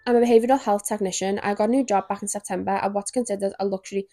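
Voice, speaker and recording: A woman's voice: medium pitch, fairly even intonation, racing, background noise. A young woman hosting a spooky stories podcast, chatting casually and reading stories aloud with giggly asides. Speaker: podcast host.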